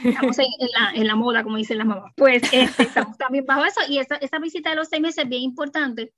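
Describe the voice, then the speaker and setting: A woman pediatrician, calmly explaining routine baby checkups in a practical, reassuring manner and acting out parents' questions. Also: sits high, fast. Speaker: pediatrician guest. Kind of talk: explanatory podcast interview.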